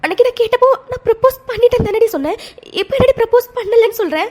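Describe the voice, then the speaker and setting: A woman voicing a worried young friend, very high. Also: expressive, rapid-fire, darkish tone. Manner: pressing, worried questioning. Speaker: cartoon character. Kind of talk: Tamil cartoon voice acting.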